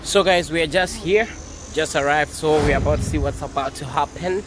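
A man's voice: on the high side, fairly quick, noisy background. A young man from Nigeria, chatting to viewers as a vlog host on a rural farm. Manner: animated, chatty, addresses viewers as guys. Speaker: vlogger host. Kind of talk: casual vlog narration to camera.

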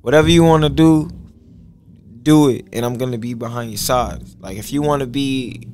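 A young man from Boston, a rapper appearing as a guest, tells stories in a laid-back, slangy way with a gravelly, mid-range, darkish voice. It's a casual podcast interview recorded in a small studio with a purple backdrop, using a studio mic on a boom arm.

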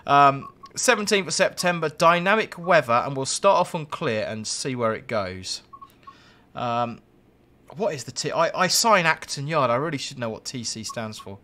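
A man's voice: medium pitch, lively intonation, moderate pace, pushed and bright. A man hosting a live-streamed game session, chatting to viewers in a jokey, rambling way. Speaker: live-stream host and train driver. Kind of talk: live-streamed gameplay commentary.

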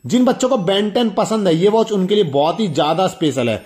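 Fairly quick and animated, a young man with a high, darkish voice reviews toys in a casual talk to viewers. He is enthusiastic and exclamatory, tending to repeat his points as he demonstrates.

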